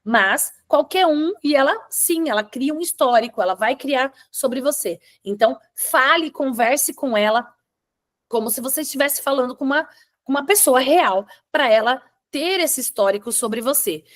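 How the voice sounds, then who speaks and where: A woman's voice: sits high, animated, normal speed, a bit bright. A woman hosting an online webinar, explaining step by step and checking in with her listeners. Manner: explanatory, with frequent "tá?" check-ins and restarts. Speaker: webinar host.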